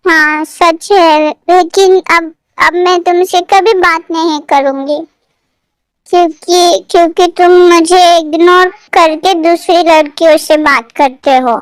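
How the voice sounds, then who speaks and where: Woman doing a drunk pouty young woman, very high voice, slow drawn-out words, dry close sound. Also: fairly even intonation, dry recording. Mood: tipsy. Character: tipsy, sulky young woman in love. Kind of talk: fan fiction story read aloud.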